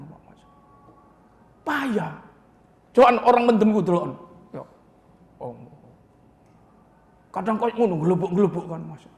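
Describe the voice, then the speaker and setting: Guy preaching in a mosque, chatty, chuckles, big echoey hall. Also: very high-pitched. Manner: storytelling with Javanese asides and chuckles. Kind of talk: mosque sermon.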